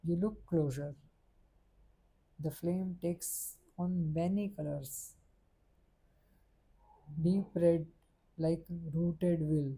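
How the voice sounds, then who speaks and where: A woman narrating a guided meditation in a soft, gentle, unhurried way. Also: on the low side, breathy edge, low-quality recording.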